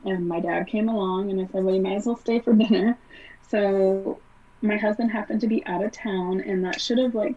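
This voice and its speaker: A woman with a husky, slightly breathy voice recounts a personal story as a podcast guest, talking casually and leaning on fillers. She sits a little back from the mic, and the audio sounds dull and muffled. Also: medium pitch, darkish tone, far from the mic. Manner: conversational, frequent "like" and "um" fillers. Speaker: interview guest.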